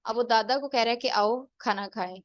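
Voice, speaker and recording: A woman teacher gives a lecture, mixing terms into her explanations. Her voice sits somewhat high, and the recording is close and dry with no room sound. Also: moderate pace, dry recording, lo-fi sound. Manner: mixes English terms into explanation, stresses with "theek hai". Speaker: English teacher.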